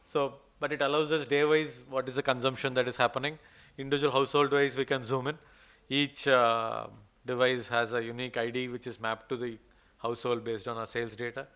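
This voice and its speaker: Presenting his research slides at a conference hall and then answering questions, a man with an Indian English accent hesitates often, with many fillers and restarts. The voice is mid-range and brisk, level in tone, a bit bright, clear and resonant.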